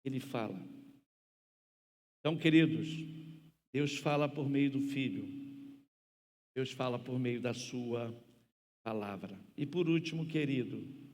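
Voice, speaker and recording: A man preaching a sermon as pastor, with slow, emphatic pauses that build to loud, ringing passages. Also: medium pitch. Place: church sanctuary. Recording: church hall reverb.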